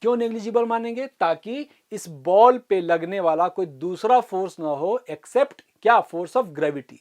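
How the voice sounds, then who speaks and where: A woman's voice: mid-range voice, a little mellow. Woman teaching physics, step by step. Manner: explains step by step, often asks "ठीक है?" to check understanding; slows down to dictate formulas. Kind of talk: online exam-prep physics lecture.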